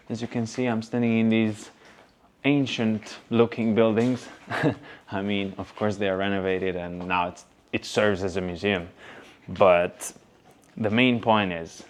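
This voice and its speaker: A man from Hungary with a Hungarian accent, talking to camera as a vlogger, emphatic and fond of rhetorical questions, stretching the words he stresses. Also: mid-range voice. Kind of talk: talking to camera, opinion vlog. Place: on location at old museum buildings. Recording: clear background ambient noise.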